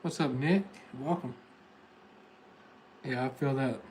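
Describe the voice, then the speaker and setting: A man's voice: mid-range voice, slow pace, darkish tone, a little hiss or hum. A man with a Tennessee accent chatting casually and informally to viewers as the host of a livestream. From Tennessee, United States. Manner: informal, talking directly to chat viewers. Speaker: livestream host, day trader.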